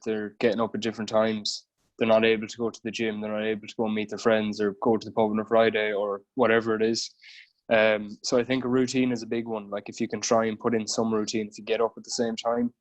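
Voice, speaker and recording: Man, west of Ireland accent, monotone delivery, slightly deep, casual conversational interviewee, personal trainer. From Galway, west of Ireland. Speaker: guest, online personal trainer.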